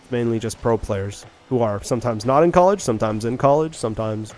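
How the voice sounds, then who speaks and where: A young Irish gamer talks fairly quickly in a mid-range, darkish voice, rambling to viewers with frequent restarts and questions. Slight background noise accompanies faint beats in the mix.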